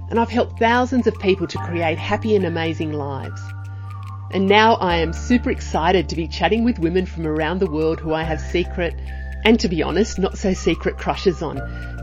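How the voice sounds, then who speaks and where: A woman's voice: lowish voice, lo-fi sound. A woman, hosting a podcast in an enthusiastic, bubbly chat. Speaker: podcast host. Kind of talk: casual interview chat.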